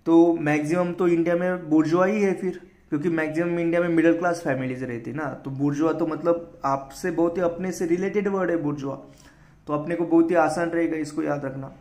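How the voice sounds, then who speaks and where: A man's voice: fairly high pitch, fairly even intonation, a little fast, a little mellow, echoey room. An Indian man teaching English vocabulary in a casual spoken lesson, spelling words out letter by letter and explaining them in Hindi. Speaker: vocabulary teacher for exam prep.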